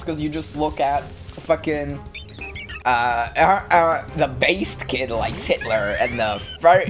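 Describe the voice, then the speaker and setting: Foul-mouthed ranting streamer. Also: mid-range voice. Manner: swears constantly, exasperated ranting; rambling with many fillers and restarts. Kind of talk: ranting live stream commentary.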